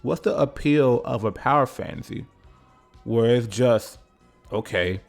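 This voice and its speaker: A man delivers a loose, comedic video essay, breaking off into jokes, swearing and chatty asides to the viewer. His mid-pitched voice has a gravelly rasp to it, and soft music runs underneath him. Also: unhurried. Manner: joking, profane, conversational asides.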